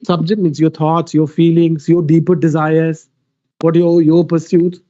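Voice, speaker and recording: A man's voice: a little high, level tone, measured pace, mellow, muffled recording. A man with an Indian English accent gives a spiritual lecture on yoga to a live audience. He mixes Hindi and English and keeps asking the listeners questions.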